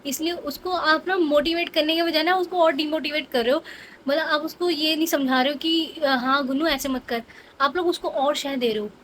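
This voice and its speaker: Vlogger, young woman, high voice, rambling defensive chat, faint home noise. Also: brisk, a bit bright, rough recording. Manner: chatty, rambling, defensive explaining. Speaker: family vlogger. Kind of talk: casual vlog talk to camera.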